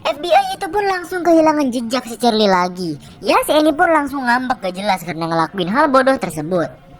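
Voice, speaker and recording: A woman's voice: on the high side, very animated, a little fast. A woman narrating a film recap in a casual, chatty style with slang asides.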